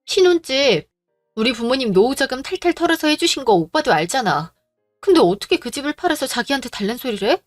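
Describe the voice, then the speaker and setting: A woman's voice: high-pitched, big pitch swings, fairly quick, dry recording, studio quality, soft background music. Firm, exasperated young woman. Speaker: narrator voicing a bride-to-be. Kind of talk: storybook drama reading.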